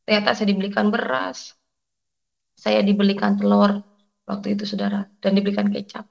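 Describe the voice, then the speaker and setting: A middle-aged woman, telling her faith testimony in an emotional, halting way and addressing listeners directly. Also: mid-range voice, flat delivery, vocal fry, dull audio. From Indonesia. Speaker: testimony guest.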